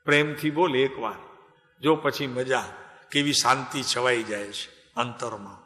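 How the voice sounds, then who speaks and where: A man preaching a devotional sermon in a large hall, talking at an unhurried pace with a bright, clear-edged voice. He chats with his listeners and calls on them by name. His voice rings with a long, roomy reverb. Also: mid-range voice. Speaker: spiritual teacher.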